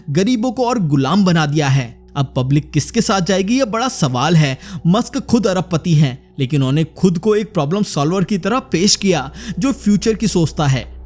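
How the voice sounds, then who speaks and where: A man with a high-set voice reads a scripted news explainer. He delivers it with dramatic, punchy emphasis. Soft music plays faintly beneath his narration.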